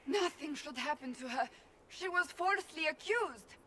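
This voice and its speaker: A woman's voice: medium pitch, measured pace, fairly bright tone, a little hiss or hum, natural voice. An actress playing a stern woman warrior who eagerly begs for the rest of a story, in video game dialogue.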